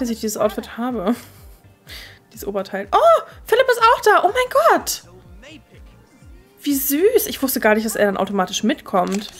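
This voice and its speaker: A woman hosting a let's play, chatting casually and excitably as she talks to her game characters and her viewers. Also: mid-range voice. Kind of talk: casual gameplay commentary.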